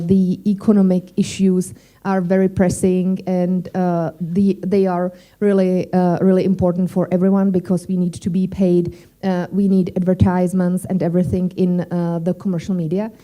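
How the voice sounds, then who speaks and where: A woman giving a welcome speech as a conference organiser, in hesitant, halting non-native English. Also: fairly low pitch, little pitch movement, dark tone.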